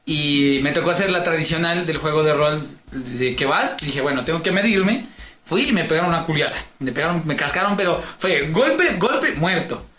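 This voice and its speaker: Bright-voiced man telling stories. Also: a little high, normal speed, hardly any pauses, echoey room, a little hiss or hum. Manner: animated storyteller, mimics accents. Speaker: podcast co-host. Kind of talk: casual chat.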